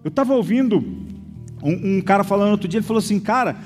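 Male preacher, very high voice, animated, church reverb, soft music behind. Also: fast. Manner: animated, acting out quoted complaints and prayers. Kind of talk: sermon.

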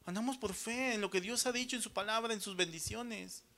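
A man's voice: sits high, brisk, bright, forceful tone. A man preaching a sermon, often calling the congregation brothers and checking in with them after each point. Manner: addresses listeners as brothers.

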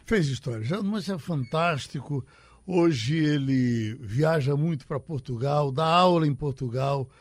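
A man's voice: a little high, normal speed. A man, a radio host telling stories in casual chat and reciting verse. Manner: relaxed, recites verse aloud.

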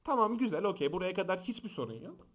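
A young man hosting a podcast, telling funny stories and acting out the shouting people in them. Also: sits high, fast. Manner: animated, acts out quoted shouts and voices. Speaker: podcast host. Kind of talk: casual podcast storytelling. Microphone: close podcast microphone.

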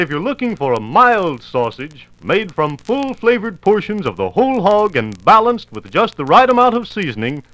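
A man's voice: sits high, a bit bright, no room sound, poor audio. A man announcing a 1950s radio commercial in a folksy, jokey way, on an old disc recording.

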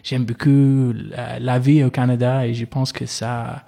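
Speaking learner's French with an English accent, this man from England, in his twenties, sounds flat and measured, with a mellow, mid-range voice and vocal fry. In a casual interview he hesitates a lot, using many fillers and saying "yes" repeatedly.

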